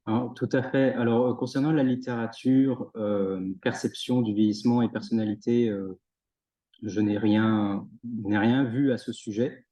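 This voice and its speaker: A young man answering jury questions at his thesis defense, pausing often with fillers and restarts. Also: mid-range voice, fairly even intonation, mellow, low-quality recording. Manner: hesitant, many fillers and restarts. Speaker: PhD candidate defending thesis. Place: university room in a Zoom recording.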